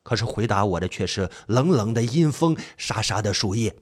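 Brief: dramatic male horror narrator, lively swooping delivery. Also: fairly low pitch, normal speed. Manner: dramatic, shifting to panicked cries. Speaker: storyteller. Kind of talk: first-person horror story narration.

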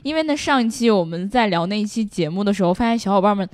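A woman's voice: mid-range voice, animated, fast, no echo. A woman hosting a podcast in casual chat, often doubling up short words of agreement. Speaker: podcast host.

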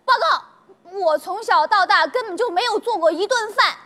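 A woman's voice: extremely high pitch, animated, moderate pace, sharp tone, heavily acted. A woman playing a naive, clueless young female trainee army cook who answers in clipped, soldier-style replies in a stage comedy sketch.

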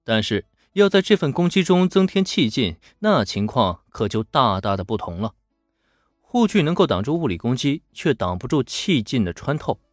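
Guy telling a story chapter, animated and casual, soft music underneath. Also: mid-range voice, normal speed, dry recording, clean studio sound. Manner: chatty, animated, colloquial asides. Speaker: narrator. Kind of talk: storytelling narration of a serial novel. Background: faint background music.

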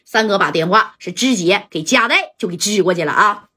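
A woman narrating a gangland story in lively, slangy talk full of sound words. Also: mid-range voice, a little fast, slightly rough. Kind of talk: colloquial crime-story narration.

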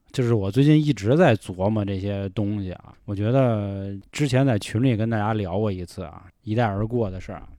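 A man's voice: fairly low pitch, dark tone, dry recording, clean studio sound. A man hosting a casual podcast chat, frank and reflective, often swearing. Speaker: podcast host.

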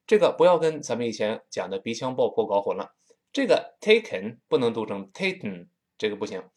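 A man from Tianjin with a Tianjin accent, teaching a spoken English lesson and slowing down to drill each sound. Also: mid-range voice. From Tianjin, China. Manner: lively, slows down to drill pronunciation.

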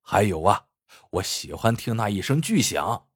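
A man's voice: lowish voice, lively intonation, measured pace, husky, dry recording, studio quality. A man voicing a jovial, kindly middle-aged male school principal who talks in a hearty, reassuring way. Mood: genial.

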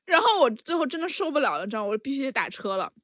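A woman chatting on a podcast, telling an animated story, laughing often and acting out what people said. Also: sits high, racing, no echo. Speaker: podcast co-host. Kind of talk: casual chat, storytelling.

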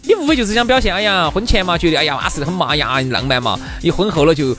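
A man's voice: on the high side, expressive, rapid-fire, fairly bright tone, faint music behind. A man with a Sichuanese accent co-hosting a talk show with teasing, casual comic banter.

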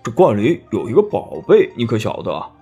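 A man's voice: medium pitch, huge pitch swings, brisk, mellow, breathy edge, lo-fi sound, soft background music, full character voice. A man voicing a greedy, sly male pig demon who talks secretively in a storybook tale.

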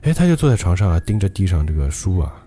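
A male podcast host telling a ghost story in a dramatic, lively way. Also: low voice, quick pace, a little hiss or hum.

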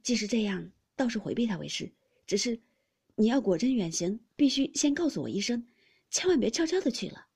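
A woman's voice: mid-range voice, lively intonation, brisk, vocal fry, breathy edge, heavily acted. A woman voicing an emotional, sheltered young nobleman who speaks earnestly and pleadingly.

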